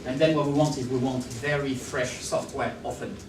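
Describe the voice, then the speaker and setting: A male conference speaker with a French accent and a medium-pitched voice presents at a moderate pace in a large hall. He's animated, repeatedly checking that the audience follows and agrees. The recording sounds distant and roomy, with a noisy background.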